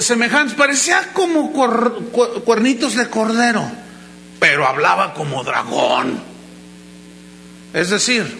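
A man's voice: high-pitched, gravelly, bright, forceful tone, a little hiss or hum, poor audio. A man preaching a sermon, telling stories animatedly and acting out the voices of the people he quotes. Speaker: pastor.

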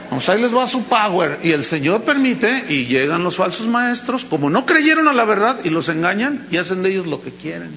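A man's voice: sits high, very animated, moderate pace, few pauses, sharp tone, rough recording. A man preaching a sermon, telling stories animatedly and acting out the voices of the people he quotes. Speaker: pastor.

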